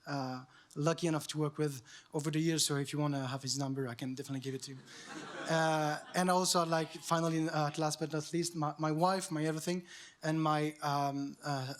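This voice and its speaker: Hesitant French-accented man, slightly high. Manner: hesitant, many fillers and restarts. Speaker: award winner, journalist. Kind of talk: unscripted acceptance speech. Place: stage at an awards ceremony.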